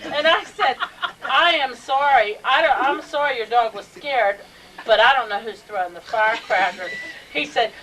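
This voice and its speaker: A woman's voice: on the high side, normal speed, fairly bright tone. An older woman telling funny stories at a family gathering and laughing as she goes. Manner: laughs through her stories. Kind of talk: casual anecdote telling. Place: house, indoors. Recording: home video, faint background noise, a little distant.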